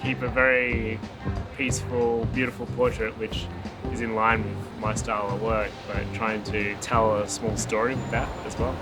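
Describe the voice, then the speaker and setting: Calm Australian street artist. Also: male voice, fairly low pitch, moderate pace, loud music behind the voice, poor audio. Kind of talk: documentary interview.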